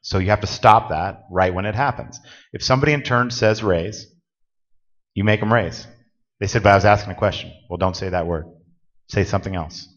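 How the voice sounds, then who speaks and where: A man with a low, deep voice gives a conference presentation in a large hall, talking plainly and directly as he explains rules to the room. The audio is dull and lo-fi, with a long reverb trailing his words. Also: normal speed, pauses often, a bit bright. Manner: plain-spoken, direct, instructive.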